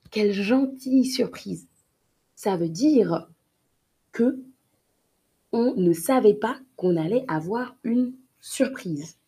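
A woman leads a live online vocabulary lesson and greets her viewers by name. She speaks slowly and repeats each word and example with care. Her voice is slightly husky. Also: medium pitch, mellow. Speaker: French teacher.

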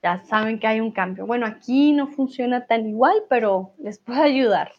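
A woman's voice: on the high side, normal speed. A woman teaching a live online grammar lesson, patiently drilling verb conjugations aloud and reassuring her students. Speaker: Spanish teacher. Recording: slightly dull lo-fi sound.

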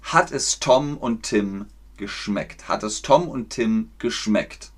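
A man from Germany teaching German on a livestream, explaining slowly, clearly and patiently. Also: lowish voice. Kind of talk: livestream language lesson.

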